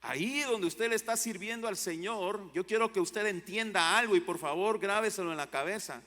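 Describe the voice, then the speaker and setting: A male pastor preaching a sermon, with fervent rises to loud exclamations and drops to low, quiet lines. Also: moderate pace. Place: church hall. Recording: long church hall reverb.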